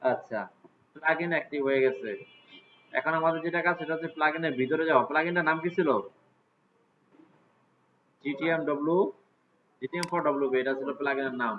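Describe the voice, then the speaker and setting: Male teacher, somewhat high voice, tinny phone-like audio. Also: fairly even intonation, brisk, long pauses, slight background noise. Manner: casual, asks students frequent check questions. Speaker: computer class teacher. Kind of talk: live class walkthrough.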